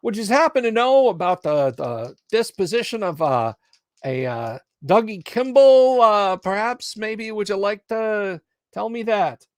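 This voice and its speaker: A man plays a bumbling city slicker investigator in a tabletop game, his voice pushed up high. He is halting and overly polite, stumbling through his questions. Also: expressive, no room sound, studio quality. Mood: awkward, polite.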